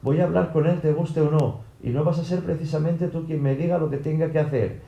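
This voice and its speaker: A man voicing an angry middle-aged father who yells in a raised, strained voice, in a roomy-sounding recording. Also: mid-range voice, normal speed, highs cut off, close to an everyday voice. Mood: furious shouting. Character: furious shouting father, middle-aged man, then tearful. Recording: roomy echo.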